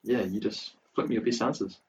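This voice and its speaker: A man's voice: lowish voice, fairly even intonation, fairly quick. A man with a New Zealand accent interviewing as a podcast host in casual, slangy, hesitant phrasing. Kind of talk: casual chat. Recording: dull, distant mic with faint noise.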